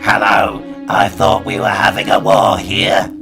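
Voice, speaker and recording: A man voicing a sarcastic, deep-voiced male alien leader who mocks his enemies in a low, breathy voice. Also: completely flat delivery, a little slow, over music, full character voice. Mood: mocking. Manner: mocking, taunting.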